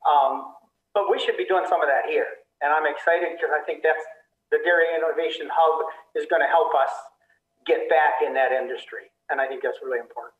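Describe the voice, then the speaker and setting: An older man speaking as a state representative on a panel over a video call, relaxed and chuckling between points. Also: a little high, fairly quick. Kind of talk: panel discussion answer. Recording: tinny, phone-like, echoey.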